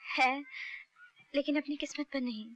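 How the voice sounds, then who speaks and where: तेज़-तर्रार, ऊँची आवाज़ वाली बंजारन युवती. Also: female voice, sits high, normal speed, fairly bright tone, dull audio, a little hiss or hum. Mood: fearful. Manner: commanding and forthright. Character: bold young street-dancer woman, fiery and tender. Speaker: lead actress. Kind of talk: 1970s Hindi film dialogue. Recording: old film soundtrack with music behind.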